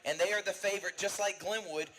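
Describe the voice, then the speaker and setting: Fast-talking man hosting sports. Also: high-pitched, steady tone, a bit bright, a little hiss or hum, low-quality recording. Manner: fast, enthusiastic rundown of rankings. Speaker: sports show co-host. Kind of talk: live sports talk. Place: bar and grill.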